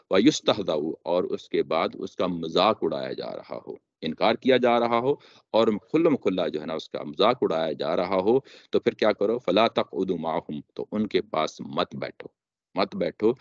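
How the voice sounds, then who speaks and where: A man's voice: sits low, vocal fry, no room sound. A man explaining scripture in a religious lecture, reciting verses and repeating key phrases for emphasis. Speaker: Quran teacher. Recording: dull dry lo-fi lecture recording.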